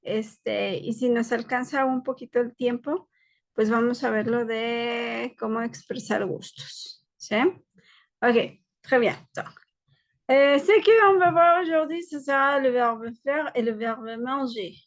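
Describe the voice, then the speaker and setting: Slow, high-voiced woman teaching French. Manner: slow, explains step by step, switches between French and Spanish. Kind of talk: online class lecture.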